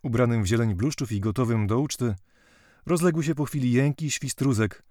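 A man narrating a classic novel as an audiobook in a measured, steady reading voice. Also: medium pitch, dry recording, studio quality.

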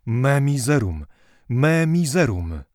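A man voicing a young Roman nobleman who turns from impatience to hoarse, raging cries in an audiobook. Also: mid-range voice, very animated, slow, a little mellow, no room sound, studio quality. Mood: frenzied.

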